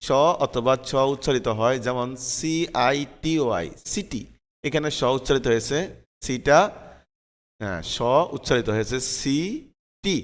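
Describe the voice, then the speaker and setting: A man teaching English pronunciation, patiently spelling out letters and repeating each word slowly. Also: mid-range voice, expressive, long reverb tail. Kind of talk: slow spelling-out lesson.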